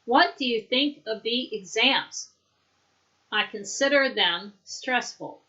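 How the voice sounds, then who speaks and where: Woman, English teacher, slow drill pace, bright clear tone, patient explanations. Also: fairly high pitch, lo-fi sound. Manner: patient, explains words and pronunciation. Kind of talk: slow classroom drill, repeat after me.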